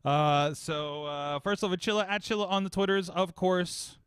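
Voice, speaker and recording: A man's voice: high-pitched, normal speed, clear, resonant tone, no room sound. A man in his forties hosting a podcast, rambling animatedly in casual chat on a studio mic in a foam-paneled room. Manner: animated, rambling, self-mocking. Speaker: podcast host. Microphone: studio mic on boom arm, headphones.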